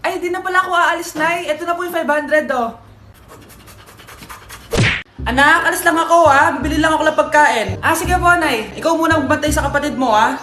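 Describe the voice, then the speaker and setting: High-voiced Filipino woman doing comedy skits. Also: quick pace. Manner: switches between bratty child and scolding mother voices. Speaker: comedy sketch creator. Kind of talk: comedic skits playing several family roles. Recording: echoey room with loud music behind.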